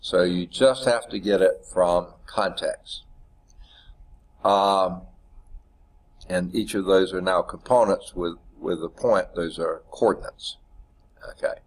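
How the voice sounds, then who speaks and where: A man teaches a math class with a low voice, speaking slowly with long pauses. He sounds stuffed up from sneezing and lectures conversationally, repeating points and checking in with "okay" often.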